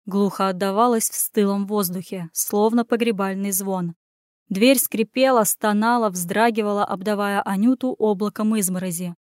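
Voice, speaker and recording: A woman narrates a fantasy audiobook with expressive storytelling, her voice at medium pitch and a moderate pace. The recording is dry, with clean studio sound.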